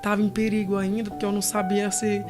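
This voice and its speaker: A woman's voice: mid-range voice, monotone, fast talker, music in the background. A woman giving an earnest, vivid testimony as an interview guest. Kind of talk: emotional testimony.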